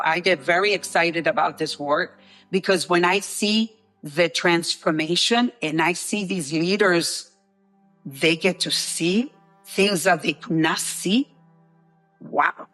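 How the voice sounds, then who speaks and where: A woman's voice: fairly low pitch, unhurried, a bit bright, no room sound, soft background music. Enthusiastic woman from the Dominican Republic. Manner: enthusiastic, emphatic, repetitive. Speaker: guest, co-founder of a leadership program. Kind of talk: interview answers.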